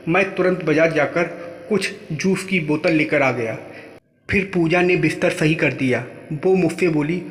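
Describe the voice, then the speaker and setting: A man telling a first-person story in plain, steady narration. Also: a little high, unhurried. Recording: echoey room with long reverb.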